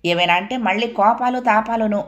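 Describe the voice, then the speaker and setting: A woman's voice: medium pitch, a little fast, a bit bright, voice pushed up, close to an everyday voice. A woman reading as a stern elderly mother. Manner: firm, reproachful. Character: stern elderly mother scolding her son.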